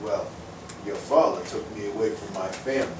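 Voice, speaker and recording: A man plays a gangster kidnapper full of slangy tough-guy menace in a live stage play. He is picked up from a distance in a reverberant hall with clear background noise. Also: lowish voice, fairly quick, natural voice. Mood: menacing. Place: theater stage. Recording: distant echoey hall recording, noisy.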